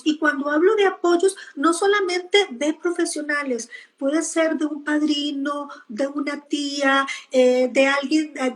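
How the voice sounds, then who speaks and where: A woman psychologist giving gentle, explanatory advice to parents, with frequent hesitations and repeated words, speaking over a video call. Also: high-pitched, slight background noise, low-quality recording. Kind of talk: advice talk on a live or video chat.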